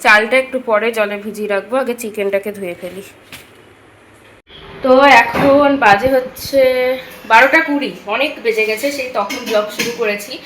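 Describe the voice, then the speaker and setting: A young woman, chatting casually to viewers in a home cooking vlog, speaking softly at times. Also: fairly high pitch, normal speed, noisy background. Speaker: vlogger. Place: home balcony and kitchen.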